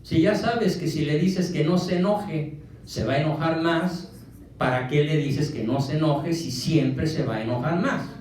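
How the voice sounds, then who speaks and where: A man's voice: on the high side, a little slow, darkish tone, slight background noise. A man with a Mexican accent giving a motivational lecture, firing rhetorical questions at his audience. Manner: emphatic, fires rhetorical questions. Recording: echoey room from a distant mic.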